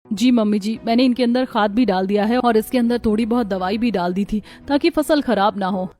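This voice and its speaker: A woman's voice: on the high side, brisk, darkish tone, lightly acted. A woman voicing a timid, hardworking young daughter-in-law in a cartoon story, speaking meekly and apologetically. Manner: meek, apologetic.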